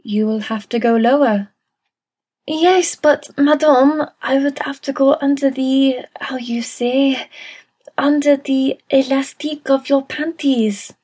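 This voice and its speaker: A woman voicing a polite young maid with a French accent and formal, halting English. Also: high-pitched, fairly even intonation, darkish tone, pitched above the performer's own voice. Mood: polite, hesitant.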